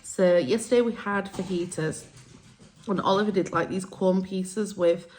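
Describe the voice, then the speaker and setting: A woman's voice: mid-range voice, measured pace, a little mellow, a little hiss or hum. A woman, chatting frankly and self-deprecatingly in a casual vlog recorded on a phone held at arm's length. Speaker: vlogger.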